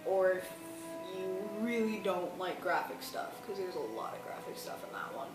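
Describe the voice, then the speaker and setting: A woman's voice: lowish voice, lively intonation, moderate pace, music in the background. A young woman student rambling through a casual, colloquial explanation for a vlog, sounding tired. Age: young adult. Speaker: student vlogger. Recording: roomy, distant mic, faint noise.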